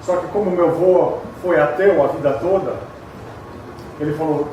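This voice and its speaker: A middle-aged Brazilian pastor with a high voice gives a funny personal testimony at a retreat, chatting along with frequent tag questions and laughing asides at normal speed. The large hall is very echoey, the mic distant, and the audio has steady background noise with the highs cut off.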